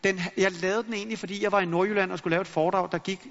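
Lively man giving a talk in a hall. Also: high voice. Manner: lively storyteller who acts out anecdotes. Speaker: motivational speaker. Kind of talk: motivational talk to an audience. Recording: long reverb in a hall, dull lo-fi sound.

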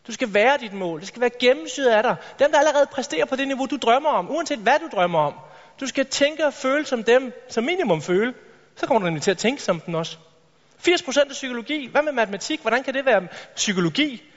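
A man with a strikingly high voice delivers an energetic motivational talk from a stage, speaking straight to the audience and firing rhetorical questions at them. His words ring out into a large hall with a long reverb tail. The recording itself sounds dull and lo-fi.

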